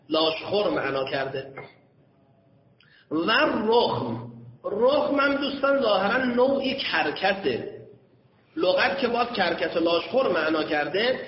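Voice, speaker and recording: High-voiced male teacher in an echoey hall. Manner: checks understanding with frequent questions to students; reads Arabic phrases slowly, then explains them. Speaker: seminary teacher. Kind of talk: classroom lecture explaining an Arabic text. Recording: echoey hall, dull lo-fi sound.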